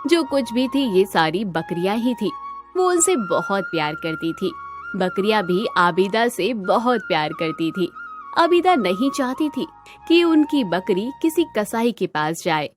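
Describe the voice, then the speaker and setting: A woman narrating an animated storybook in a gentle, measured way. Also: medium pitch, music in the background.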